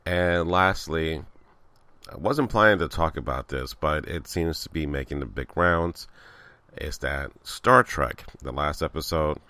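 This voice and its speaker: A man's voice: very deep voice, measured pace, bright, forceful tone, clean tone, no echo. A man hosting a casual solo podcast from his backyard, chatty and rambling, his voice a little scratchy this morning. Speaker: podcast host. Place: outdoors in a backyard.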